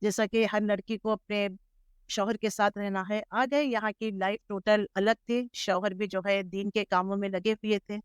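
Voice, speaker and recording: Woman, middle-aged, from Hyderabad, India, reflective interview guest, measured and earnest, crisp tone, dry room. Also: medium pitch, level tone, no echo. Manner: measured, earnest storytelling with English words mixed in. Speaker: interview guest, Islamic scholar. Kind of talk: reflective life-story interview.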